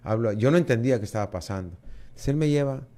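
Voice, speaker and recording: Guatemalan guy telling his testimony, animated, acts out the voices, stumbles over words a bit. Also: medium pitch, quick pace. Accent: Guatemalan Spanish. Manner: lively storytelling, acts out dialogue, repeats words. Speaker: guest. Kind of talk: testimony in an interview.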